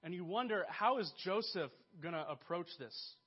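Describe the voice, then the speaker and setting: A man preaching a sermon, earnest and building to emphatic peaks before dropping soft. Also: high voice, animated, normal speed, breathy edge, lo-fi sound. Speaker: pastor.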